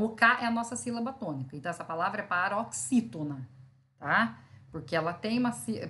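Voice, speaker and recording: A woman teacher giving a recorded grammar lesson, explaining step by step, checking in with her students and sounding out syllables slowly for emphasis. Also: on the high side, a bit bright, a little hiss or hum.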